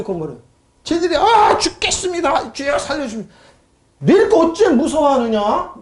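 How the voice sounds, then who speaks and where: A woman's voice: high voice, darkish tone, roomy sound. A woman pastor preaching a sermon and reading scripture, emphatic and full of rhetorical questions to the congregation.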